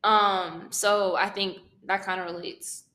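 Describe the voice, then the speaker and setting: A young woman talks through her faith in a loose, rambling way. She corrects herself mid-sentence and laughs easily as she chats with her co-host. Her pitch sits in the middle range for a woman. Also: little pitch movement, slow pace, sharp tone. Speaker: podcast co-host. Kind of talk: casual faith chat.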